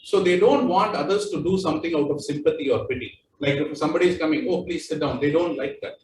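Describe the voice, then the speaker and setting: A man's voice: a little high, fast, darkish tone, a little hiss or hum. A man with an Indian accent giving a workplace training talk, with loose, repetitive phrasing and many fillers. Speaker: corporate trainer. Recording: echoey room, voice far from mic.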